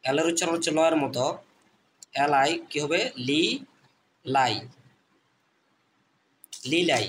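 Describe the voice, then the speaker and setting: A man with a slightly high voice gives a phonics lesson. He sounds out letters one by one and repeats them patiently, speaking to the viewers as friends. A faint hiss sits under his voice. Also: slow. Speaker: online teacher.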